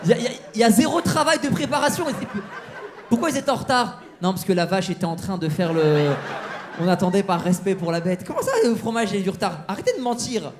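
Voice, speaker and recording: A man's voice: sits high, animated, fast, a little hiss or hum. A man doing stand-up crowd work on a comedy club stage, teasing the audience with mock-outraged banter. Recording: live show with crowd laughter.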